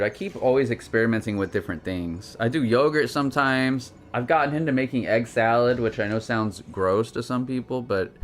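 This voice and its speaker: A man's voice: on the low side, fairly bright tone. A man co-hosting a live stream in casual chat, rambling and interrupting himself as he talks. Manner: rambling, chatty, self-interrupting. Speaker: stream co-host.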